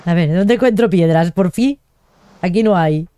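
A woman's voice: fairly low pitch, normal speed, warm tone, smooth. A young woman giving casual, chatty gameplay commentary and talking to herself as she plays. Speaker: gaming video host.

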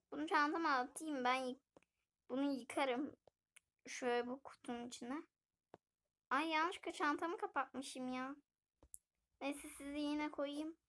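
A woman's voice: sits high, a bit bright. A woman casually narrating her play of a life-sim game, chatting to her viewers as she goes. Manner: chatty, keeps addressing viewers directly. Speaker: gaming video host.

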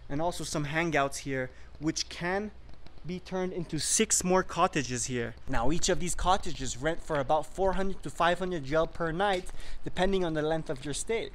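This is an enthusiastic sales vlog to camera from a young man who invests in real estate. Filming himself with an outstretched phone at a sunny mountain resort, he makes an upbeat, persuasive pitch aimed at investors.

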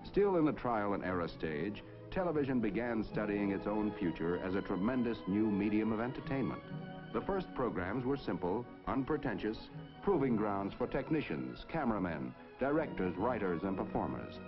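Male announcer, 1950s broadcast narration, stately and declamatory, low voice, muffled old film soundtrack. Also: sing-song, moderate pace, over music.

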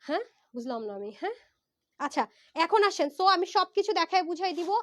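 Hoarse, high-voiced woman selling on a phone live. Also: very animated, fairly bright tone. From Bangladesh. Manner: fast, persuasive, mixes in English words. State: hoarse from a fever. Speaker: online clothing seller. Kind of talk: live-stream sales pitch. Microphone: phone livestream.

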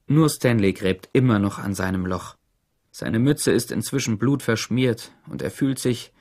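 A man narrating an audiobook in an expressive storytelling manner. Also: lowish voice. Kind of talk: scripted narration.

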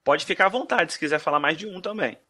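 A man's voice: on the high side, animated, fast talker, sharp tone. A man hosting a podcast, asking casual interview questions in a friendly way. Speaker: podcast host.

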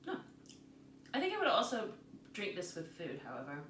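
A young woman chats her way through a wine tasting in a casual, animated manner. Her voice sits a little low. The room around her is echoey, with a faint background hum. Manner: animated, chatty, quick laughs. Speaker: podcast co-host.

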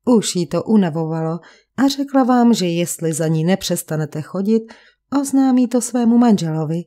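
A woman with a fairly low, dark-toned voice reads an audiobook role: a stern male magistrate coolly probing a suspect. She stays near her everyday voice yet sounds animated, posing her questions in a cold manner.

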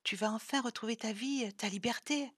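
A woman reading the lines of an emotional young pastry chef, hushed and close to a whisper. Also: fairly high pitch, moderate pace, slightly rough, dry recording.

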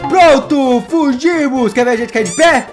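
Excitable man narrating gameplay. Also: very high-pitched, a little slow, over music. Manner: excitable, animated, talks to viewers and coos at animals. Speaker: gaming channel host. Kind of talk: game commentary vlog.

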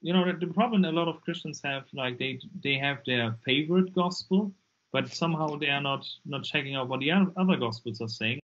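A man's voice: a little high, a little fast, fairly bright tone, dull audio. A man in his forties from Germany with a German accent, a non-native English speaker talking emphatically as a guest on a video call through earbuds, often repeating words. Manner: emphatic, repeats words when pressing a point. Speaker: guest, deliverance minister. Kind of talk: casual interview talk. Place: dim room indoors.

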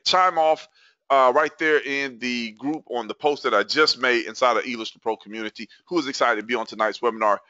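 A man's voice: medium pitch, sharp tone, no echo, muffled recording. A man hosting a live webinar, chatty and hyped, full of fillers and repeated phrases. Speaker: webinar host.

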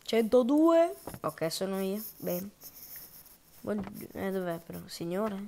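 A woman's voice: medium pitch, fairly even intonation, takes it slowly, creaky, a little mellow, slight background noise. A woman hosting a gaming channel, chatting along as she plays out a role-play and narrates her own moves. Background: background music.

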